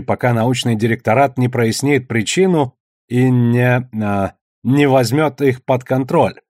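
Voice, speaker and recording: A man voicing a kindly, grandfatherly old official who calmly reassures people on camera. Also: medium pitch, no room sound, clean studio sound, natural voice. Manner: slow, soothing, reassuring.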